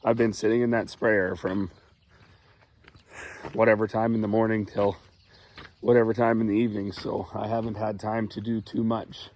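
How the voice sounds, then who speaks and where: A young man from Canada, a farmer, talking casually in a rambling, folksy, plain-spoken way while hoarse from losing his voice, outdoors on his farm. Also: lowish voice, little pitch movement, normal speed, pauses often, a little mellow. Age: young adult. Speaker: farmer vlogger.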